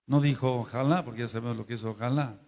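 This man races through his Torah study sermon in a medium-pitched, steady, slightly mellow voice marked by vocal fry. He chides his listeners directly and halts to spell and clarify Hebrew terms. Sound quality is dull lo-fi in a reverberant hall.

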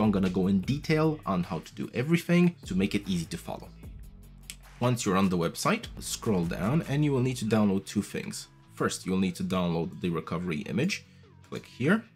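Wearing headphones and sitting near a studio mic on a boom arm in a small room, a low-voiced tech video host patiently leads a relaxed, chatty tutorial step by step. His slightly rough voice moves up and down in pitch a great deal, with soft music underneath.

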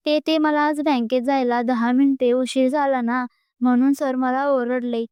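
Woman reading as young female bank clerk, sulky and slow, high smooth tone. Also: fairly even intonation, a little mellow, dry recording. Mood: tearful.

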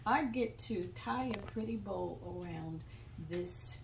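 An older woman, a guest preacher, delivers a fervent sermon from the pulpit of a small church, quoting scripture and breaking into song. Her voice is medium-pitched, slow, and gravelly. A phone camera far off in the pews captures it, so the room sounds echoey with slight background noise.

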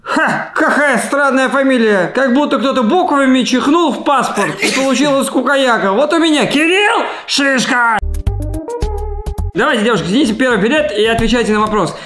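A man's voice: very high-pitched, lively intonation, moderate pace, a bit bright, faint music behind. A man playing a self-important male math professor in a comic home role-play, pompous and theatrical, in a living room. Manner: pompous, theatrical, bursts of laughter. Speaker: dad playing a teacher for his daughter. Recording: roomy echoey living room.

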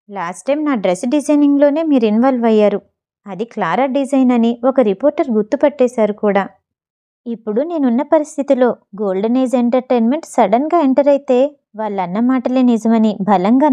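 A woman voicing an earnest, self-reliant young actress in an audiobook story, speaking with quiet conviction. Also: a little high, close to an everyday voice.

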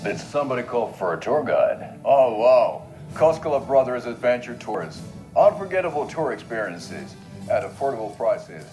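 An actor playing a tour guide in a cheesy local TV commercial, with a stilted, theatrical sales pitch. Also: male voice, big pitch swings, moderate pace, darkish tone, natural voice. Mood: salesy. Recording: TV commercial with music behind.

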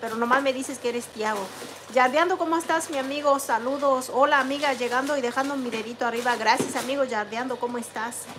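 Young woman, high voice, livestream host reading chat and greeting viewers by name, faint background hum. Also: fairly even intonation, fairly quick. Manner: chatty, warm greetings to each viewer, reads chat names aloud. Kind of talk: casual livestream chat, reading comments aloud.

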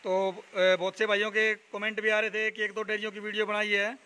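A young man from Haryana, India, touring a buffalo shed at night and chatting as a dairy vlogger. He repeats numbers and names back and fills pauses with "a". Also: sits high, completely flat delivery, pushed and bright, clear, resonant tone. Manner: repeats figures and names back, many "a" fillers. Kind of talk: casual walk-around video with interview.

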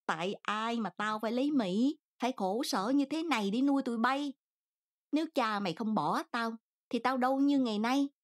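A woman's voice: a little high, moderate pace, voice pushed up, lightly acted. Storybook mother, middle-aged, aggrieved and complaining, read by a female narrator. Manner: complaining, self-pitying.

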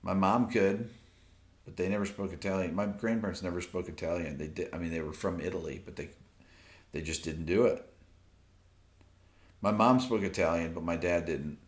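A laid-back YouTube music channel host in his fifties, with a low voice, runs a casual late-night livestream from his home music studio full of amplifier stacks. Seated at a desk with his phone and an off-camera mic, he reads viewer comments and questions aloud and answers in a rambling way, full of ums and fillers. He talks at a moderate pace with long pauses, and the studio sound is roomy.

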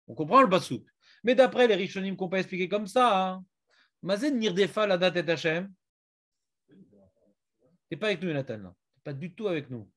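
A man's voice: sits high, lively intonation, normal speed, long pauses, a bit bright. A man teaching a Talmud class, questioning and prodding his students.

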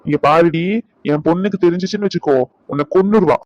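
In a lightly acted comedy skit, a man with a fairly high, darkish voice plays a playful young husband who teases, coaxes and pleads with his angry wife, talking fast. The recording is muffled but has no echo.

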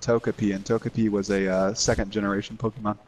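A man's voice: lowish voice, little pitch movement, quick pace, a little mellow. A man chatting casually over a game, teasing his friends with plenty of swearing. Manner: profane, teasing banter. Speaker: gamer.

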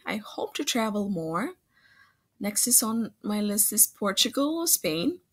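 A woman from Singapore with a gravelly, somewhat breathy voice introduces herself as a school counselor. She speaks in a friendly, conversational way, with occasional fillers. She records over a slideshow on a laptop webcam at home. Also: mid-range voice. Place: home room, webcam in corner of screen share.

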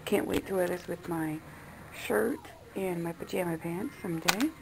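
A woman's voice: on the low side, moderate pace, creaky, a little mellow, a little hiss or hum, low-quality recording. A woman vlogger talking loosely and chattily as she shows off her gifts, recorded on a phone. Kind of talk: casual haul vlog.

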